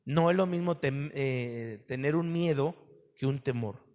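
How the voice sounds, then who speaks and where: Animated man preaching in a reverberant hall. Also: medium pitch, unhurried. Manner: animated preaching to a congregation, asks questions. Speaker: pastor. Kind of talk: sermon.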